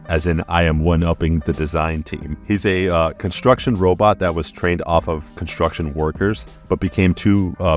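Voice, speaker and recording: A young adult man hosting a comedic video, talking through design ideas with a dry, joking delivery. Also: low-pitched. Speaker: YouTube host. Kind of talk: comedic commentary vlog.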